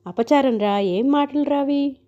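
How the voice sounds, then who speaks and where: A woman's voice: high-pitched, measured pace, voice pushed up. A woman reading a story aloud, voicing a fussy, devout old mother-in-law who scolds and frets. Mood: scolding. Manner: scolding, fretful. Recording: dull lo-fi recording.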